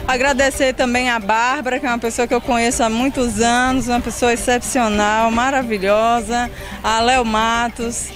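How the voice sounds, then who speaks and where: A woman's voice: a little high, fairly even intonation. Grateful woman in a street interview. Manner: grateful, halting speech. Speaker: local resident interviewed. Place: outdoors at a health fair. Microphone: handheld reporter mic.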